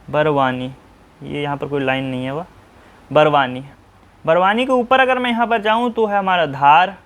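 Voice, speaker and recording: A man with a high, slightly bright voice tutors viewers in a map-drawing tutorial. He spells each name slowly, one letter at a time, and often poses a quick question only to answer it himself.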